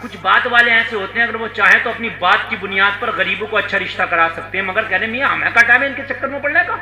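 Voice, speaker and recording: A male preacher with a very high, piercing, bright voice delivers a storytelling sermon to a conference audience. He swings from quiet narration to full shouts and keeps urging the crowd to call back. The sound rings around an echoey hall. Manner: dramatic, rising to shouts, coaxing the crowd to respond. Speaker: Islamic preacher. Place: conference stage before a crowd.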